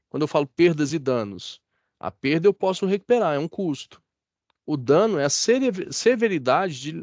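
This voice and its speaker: A Brazilian man with a high-leaning voice and a Brazilian Portuguese accent teaches a classroom lecture with no echo. He's chatty and frequently asks the class whether they follow and agree.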